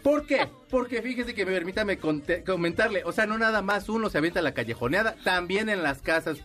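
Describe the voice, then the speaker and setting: High-voiced Mexican man hosting radio. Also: lively intonation, a little fast, pushed and bright, soft background music. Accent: Mexican Spanish. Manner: playful, rambling storyteller with laughs. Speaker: radio host. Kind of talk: casual radio chat.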